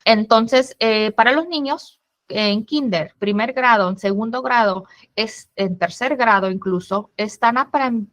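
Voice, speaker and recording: A former teacher with a voice on the high side and a fairly bright tone gives an online presentation to parents. She explains patiently and sounds out syllables slowly.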